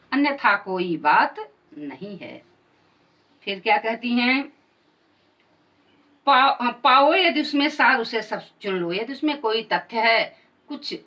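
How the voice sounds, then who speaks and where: A woman's voice: a little high, sharp tone, far from the mic, rough recording. A woman teaching a Hindi class, reading lines of a poem aloud and then explaining them and glossing the words.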